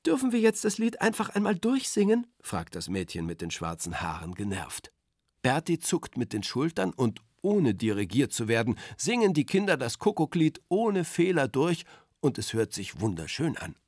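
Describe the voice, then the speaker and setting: A man narrating a children's bedtime story in a calm, gentle way. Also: mid-range voice, normal speed, no room sound, clean studio sound.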